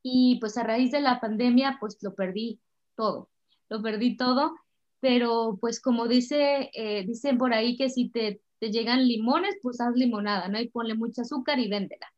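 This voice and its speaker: A middle-aged Mexican woman, a singer, chatting warmly and emotionally in an interview. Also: on the high side, steady tone, normal speed, few pauses. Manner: warm, chatty, emotional storytelling. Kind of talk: casual interview chat. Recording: slightly dull lo-fi sound.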